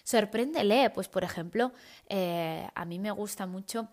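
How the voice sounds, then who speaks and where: A woman's voice: mid-range voice, unhurried, darkish tone. A young woman talking to camera, giving parents chatty, explanatory tips on children's attention. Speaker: parenting educator. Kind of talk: casual advice talk to camera.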